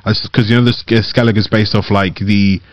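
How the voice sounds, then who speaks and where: A man's voice: on the low side, level tone, a little fast, dry recording. A man co-hosting a podcast, chatting casually and rambling with lots of filler words. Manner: rambling, heavy use of "like" fillers. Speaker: podcast co-host. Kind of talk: casual chat about games.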